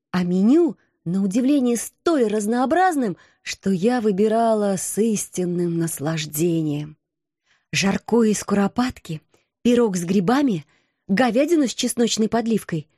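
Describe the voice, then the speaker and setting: A woman reading a first-person story aloud with expressive, lively intonation. Her voice is warm and mellow, and the recording sounds dry and close. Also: medium pitch, husky, no room sound. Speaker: audiobook narrator.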